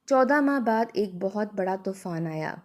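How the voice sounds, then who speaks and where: A woman's voice: mid-range voice, lively intonation, a little mellow. A woman narrating an emotional story in an earnest, dramatic way.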